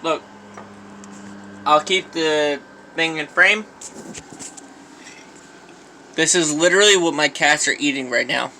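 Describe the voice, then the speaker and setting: A man's voice: a little high, normal speed, bright, forceful tone, a little hiss or hum, low-quality recording. A man filming an eating challenge vlog at home on a phone, groaning and complaining in an exaggerated, self-pitying way as he eats. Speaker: vlogger.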